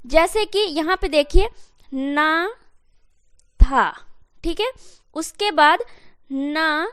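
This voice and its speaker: A woman teaching an English grammar lesson step by step, often calling her viewers guys and slowly dictating example sentences. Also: high-pitched, expressive, fairly bright tone, no room sound, clean studio sound.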